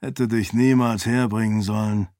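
A wry, guarded big man of few words, his voice sitting a touch lower than the narration around him, as a male narrator puts him on. He answers tersely and dryly, in a storybook reading recorded in a dead, dry booth. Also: fairly even intonation, normal speed, a little mellow, dry recording, close to an everyday voice.

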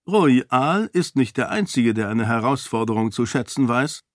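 A man's voice: mid-range voice, lively intonation, moderate pace, no echo, clean studio sound, close to an everyday voice. A man voicing a bold young princess who talks in a pointed, self-assured way. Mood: assertive. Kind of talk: audiobook character voice.

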